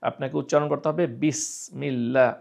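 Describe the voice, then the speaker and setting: A man from Bangladesh teaching Quran recitation, explaining pronunciation and repeating sounds slowly as drills, asking and answering his own questions. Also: mid-range voice, steady tone, creaky, a little mellow.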